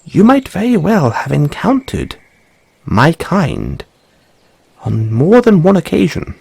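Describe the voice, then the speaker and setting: Guy doing a fussy curious rabbit boy for fantasy roleplay, super swoopy pitch, husky, polite and stammery. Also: sing-song, takes it slowly, a little mellow, no echo, exaggerated voice. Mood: mysterious, intrigued. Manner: flustered stammering, ornate courteous phrasing. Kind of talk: audio roleplay addressed to the listener.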